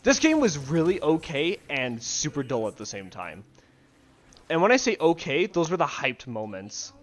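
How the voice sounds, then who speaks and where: Young guy ranting about games into a headset, kinda high voice, swears a lot, rambles. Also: sing-song, moderate pace. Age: young adult. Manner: profane, rambling, sarcastic. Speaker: gaming video ranter. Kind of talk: casual rant to camera. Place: bedroom.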